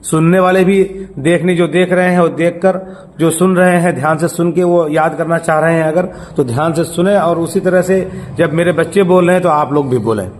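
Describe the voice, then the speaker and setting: A man with a somewhat high voice teaches children to pronounce letters for Quran reading. He drills them patiently, repeats himself, and frequently pauses to quiz the pupils with quick questions.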